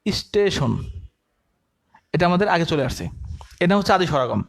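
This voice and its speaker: A man's voice: a little high, lively intonation, very fast, vocal fry. A man teaching an admission coaching lecture, dictating notes and asking the class questions he answers himself. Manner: asks the class questions and answers them himself, repeats key terms; uses everyday comparisons to explain.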